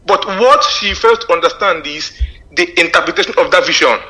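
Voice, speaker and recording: Bright-voiced man caller on a phone line. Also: sits high. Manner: halting, frequent fillers and repeated words. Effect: heard over a phone line. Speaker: radio call-in caller. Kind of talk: earnest call-in comment.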